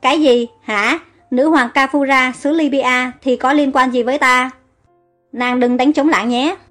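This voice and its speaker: A woman's voice: high-pitched, steady tone, a little slow, a bit bright, soft background music. A woman playing a hot-tempered young king. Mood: teasing. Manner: commanding, angry orders.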